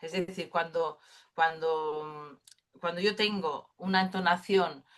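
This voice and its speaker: Gentle woman teaching voice. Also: fairly low pitch, steady tone, slow pace. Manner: gentle, thoughtful, many fillers and tag questions. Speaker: singing therapy teacher. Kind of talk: teaching a workshop module.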